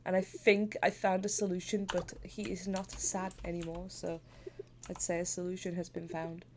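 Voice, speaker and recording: A woman's voice: on the low side, level tone, normal speed, background noise. Sniffly woman streamer, playful chat. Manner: chatty and playful, laughs often. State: sniffly, stuffy from a cold. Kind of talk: casual live-stream chat while gaming.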